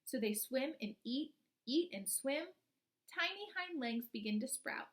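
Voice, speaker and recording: This high, expressive female voice belongs to someone reading a picture book to children as a teacher would. She frequently pauses to put guiding questions to her young audience.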